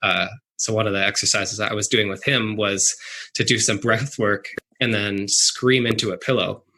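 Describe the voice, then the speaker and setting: Soft-spoken male host with a bright voice. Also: lowish voice, flat delivery. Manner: soft-spoken, friendly, halting. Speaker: podcast host. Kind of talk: casual interview chat.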